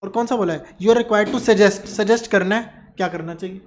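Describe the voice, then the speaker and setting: A man's voice: high voice, moderate pace, slight background noise. A man teaching accounts in a classroom lecture. He mixes Hindi with English terms and asks questions that he answers himself. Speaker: commerce teacher.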